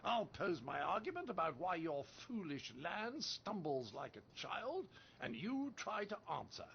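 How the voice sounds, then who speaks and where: A pompous, taunting foreign debater. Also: male voice, high voice, big pitch swings, measured pace, creaky, a little hiss or hum, exaggerated voice. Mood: mocking. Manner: pompous, taunting, sing-song delivery. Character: boastful foreign male debater, mocking and theatrical. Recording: dull lo-fi game audio.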